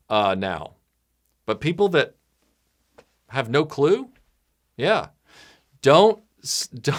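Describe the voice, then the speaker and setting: A man talking straight to his patrons in a loose, unscripted monologue. His pitch swings widely as he speaks, and he drops into loud, high put-on voices when he mocks other people. His tone is blunt and opinionated. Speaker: channel creator addressing patrons. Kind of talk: casual monologue to supporters.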